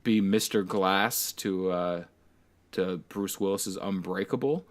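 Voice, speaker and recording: Low-voiced young guy on a podcast, blunt, swears a lot, jokey. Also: slow. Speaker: podcast co-host. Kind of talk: casual chat.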